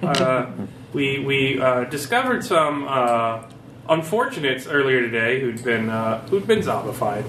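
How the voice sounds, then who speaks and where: A man playing a tabletop game, improvising casually in a hesitant, apologetic, halting way. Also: medium pitch, expressive, fairly bright tone, reverberant, slight background noise, low-quality recording.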